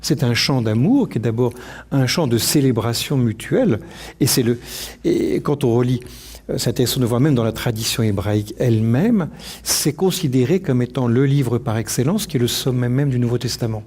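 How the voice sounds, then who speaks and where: Guy on a conference panel, mellow warm voice, thinking out loud, lots of restarts. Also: mid-range voice, moderate pace, breathy edge. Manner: reflective, thinking aloud with many restarts. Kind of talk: academic panel discussion.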